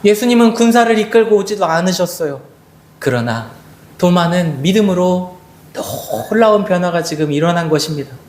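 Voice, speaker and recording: A man preaching a Sunday sermon as pastor, swinging his voice high and low and talking straight to the congregation. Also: animated, normal speed. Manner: addresses the congregation directly. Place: church sanctuary. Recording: echoey church sanctuary.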